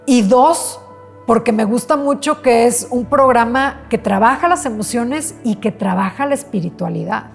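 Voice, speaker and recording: Female psychologist, gravelly fry, unhurried advice-giving. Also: a little high, soft background music. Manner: calm, unhurried advice with frequent self-corrections. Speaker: psychologist and therapist. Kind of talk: self-help talk to camera.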